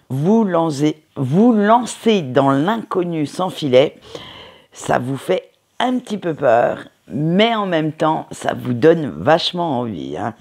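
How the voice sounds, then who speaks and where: A woman reading tarot cards for the week, talking in an unhurried, chatty way with many hesitations and little tag words. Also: low-pitched, vocal fry, a little mellow. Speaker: tarot card reader. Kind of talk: weekly tarot energy reading.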